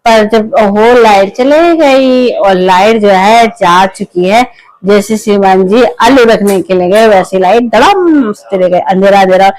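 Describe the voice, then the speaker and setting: Here a thirties-aged woman from Uttarakhand, India, chats loudly through a home vlog, noting she speaks loudly by habit despite being tired and unwell. Her voice is mid-range and a little slow. She's filmed in small rooms and a kitchen, partly with a clip-on mic and later on the phone camera alone, and the recording is rough.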